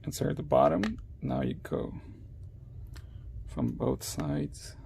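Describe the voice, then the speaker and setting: Gravelly male tutor, casual workshop chat, faint background noise. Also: fairly high pitch, takes it slowly. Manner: chatty, talks to viewers while working with his hands. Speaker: phone repair tutor. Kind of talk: casual step-by-step repair demonstration. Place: at his workplace, a repair shop.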